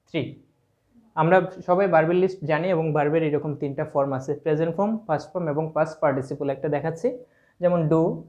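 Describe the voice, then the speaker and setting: A man's voice: fairly high pitch, a little mellow. A man with a Sylheti Bengali accent teaching an English grammar lesson, explaining step by step and spelling words out letter by letter. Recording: dull lo-fi sound.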